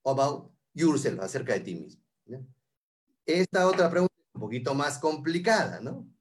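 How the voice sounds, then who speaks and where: A man explaining English interview phrases, repeating each one slowly and clearly. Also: fairly high pitch, sing-song. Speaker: English teacher guest.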